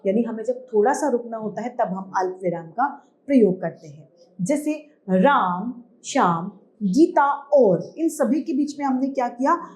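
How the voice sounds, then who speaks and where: A woman teacher giving a grammar lesson to children. She explains step by step, asks questions and answers them herself, and reads the examples out slowly. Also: medium pitch, darkish tone.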